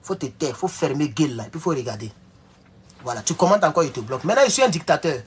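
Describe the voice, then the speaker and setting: A man's voice: fairly high pitch, sing-song, fast talker, slight background noise. A man hosting a live stream, talking bluntly and scolding commenters, repeating himself often. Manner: blunt, scolding, repetitive with many "voilà". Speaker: YouTube live host. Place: home in Mexico.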